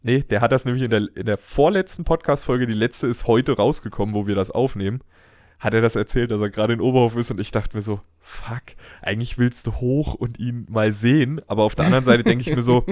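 A man's voice: mid-range voice, brisk, darkish tone, dry recording, clean studio sound. A man hosting a podcast in casual, rambling chat, full of jokes. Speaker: podcast host.

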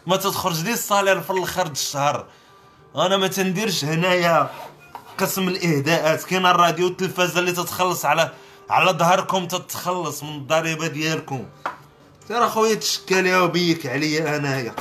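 Over soft background music, a podcast host with a Moroccan Arabic accent launches into a comedic rant. His voice is high, quick and sharp, and his commentary drips with sarcasm and mockery.

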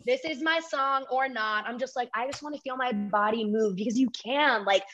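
A woman's voice: on the high side, moderate pace. Chatty woman guest, slightly muffled. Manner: animated storytelling, heavy use of "like". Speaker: podcast guest, author. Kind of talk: casual podcast chat. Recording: slightly dull, lo-fi sound.

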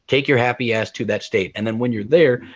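A man's voice: medium pitch, brisk, no echo. Male co-host, heated ranting delivery, dull lo-fi dry recording. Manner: heated, ranting, repeats words for emphasis. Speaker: podcast co-host. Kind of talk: heated opinion talk.

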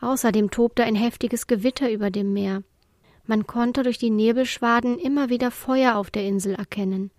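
A woman reading the part of a lonely, gentle female ship spirit who sighs as she tells her story, in a storybook reading. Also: a little high, no echo, studio quality, close to an everyday voice.

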